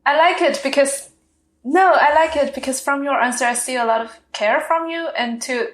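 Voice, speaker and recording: A woman's voice: sits high, moderate pace, echoey room, poor audio. A woman hosting a podcast interview, reflecting back her guest's words with searching, affirming phrasing. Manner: warm affirming, frequent "yeah"s, searching phrasing. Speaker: podcast host. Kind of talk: interview conversation.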